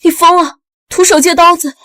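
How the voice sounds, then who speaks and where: A woman's voice: very high voice, steady tone, moderate pace, bright, forceful tone. A woman playing a worried young mother and wife who speaks urgently in a drama. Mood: anxious. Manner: urgent, anxious. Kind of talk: TV drama acting.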